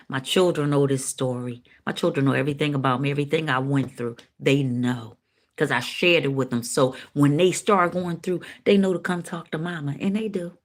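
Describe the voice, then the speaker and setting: Woman, middle-aged, deep voice, fervent spoken testimony with sharp emotional spikes. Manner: impassioned and preachy, with sudden high, loud bursts. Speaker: speaker sharing a healing testimony. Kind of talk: emotional testimony addressed to the audience.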